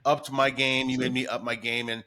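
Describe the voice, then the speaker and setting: Over crowd noise, a middle-aged man speaks a little fast at a medium, level pitch. He's a comedian from a radio morning show appearing as an interview guest, reminiscing in a casual, chatty, enthusiastic way.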